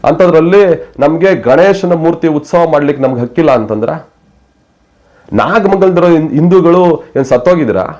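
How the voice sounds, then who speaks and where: A man with a fairly high-pitched voice gives heated political commentary. He scolds his listeners in a fiery tone and fires off one rhetorical question after another. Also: a little mellow. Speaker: news commentator.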